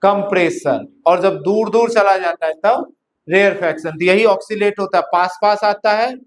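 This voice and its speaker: Lecturing on physics in a classroom, this man has a high-pitched voice and an Indian accent, switching between Hindi and English. He slowly dictates notes, checking understanding again and again by asking if students are following.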